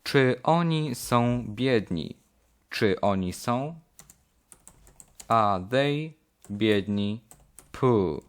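A man teaching English, slowly repeating short phrases in a lesson. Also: medium pitch, animated, smooth. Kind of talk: slow language lesson drills.

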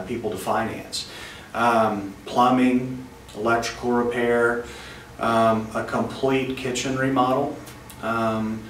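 A man in his thirties, a bank loan officer, talks casually to the camera in an office, with many fillers, recorded by a camera mic a few feet away. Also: medium pitch. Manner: relaxed, conversational, with frequent "um" fillers. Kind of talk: casual to-camera product pitch. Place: indoor office in front of a wall poster. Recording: roomy office sound, slightly distant mic, faint room hiss.

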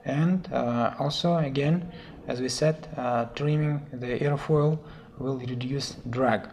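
A man with a non-native English accent, teaching in a halting, hesitant way with many fillers, his voice thick and swollen-sounding from a sore throat. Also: medium pitch, fairly even intonation, darkish tone. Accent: foreign, non-native English. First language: not English. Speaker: flight theory instructor. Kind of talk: slide lecture explanation. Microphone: voice-over on slides. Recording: noticeable background noise.

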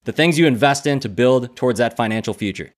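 A man's voice: mid-range voice, quick pace. A man in his thirties hosting an interview podcast, talking in a friendly, chatty way with a headset mic on a video call. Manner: friendly, chatty, many restarts. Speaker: podcast host. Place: indoor room at home.

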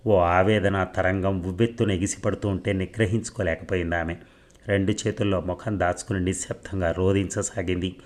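A man narrating a novel serial as an audiobook in a steady storytelling delivery. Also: deep voice, moderate pace.

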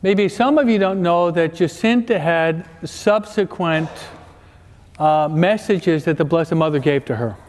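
Speaking a little slowly, a man with a voice on the high side and a darkish tone leads a parish talk as a priest. Jokes and teaching alternate, and he keeps checking on his audience with questions, all echoing through a large church with long reverb.

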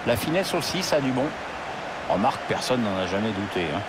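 A man's voice: lowish voice, big pitch swings, brisk. A man playing a wry football pundit in a video game, analysing play in a conversational way. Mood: admiring. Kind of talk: analytical sports commentary. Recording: loud stadium noise behind the voice.

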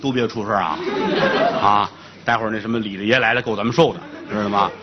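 A man's voice: sits high, animated, a little fast, lo-fi sound, very noisy, pitched above the performer's own voice. A man doing a blustering gambling-den boss. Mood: hushed.

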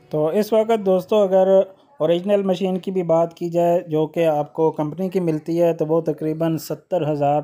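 A man hosting a how-to video, explaining a workshop machine step by step with occasional hesitant "uh" pauses. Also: a little high, mellow. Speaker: electrician channel host.

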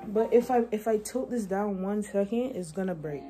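A woman's voice: medium pitch, normal speed. A young woman vlogging on her phone in a chatty, slangy, playful way. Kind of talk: casual vlog chat. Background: music playing.

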